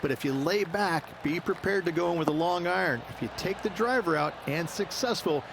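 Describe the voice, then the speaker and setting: A man's voice: high-pitched, a little fast, noisy background. A man giving golf commentary as an analyst, explaining and advising on how to play.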